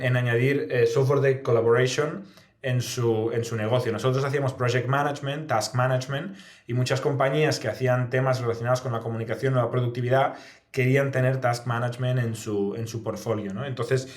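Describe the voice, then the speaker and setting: Speaking briskly in a steady, medium-pitched voice, a man from Spain answers interview questions as a startup-founder guest. He explains things thoughtfully and conversationally, often ending with small tag questions, and the recording carries a reverberant, echoey room sound.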